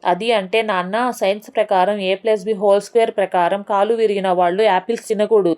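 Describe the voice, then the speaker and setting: A woman's voice: mid-range voice, fairly even intonation, a little fast, darkish tone, lightly acted. Sly young son of the house, mocking tone, read by a woman narrator. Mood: teasing.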